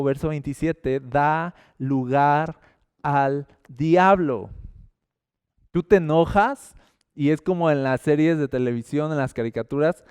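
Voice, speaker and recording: A man giving a conversational sermon on a podcast, acting out quotes and swinging from loud to hushed. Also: fairly high pitch, clear, resonant tone, no room sound. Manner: lively, acts out quotes and little scenes, swings between loud and hushed. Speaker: podcast preacher.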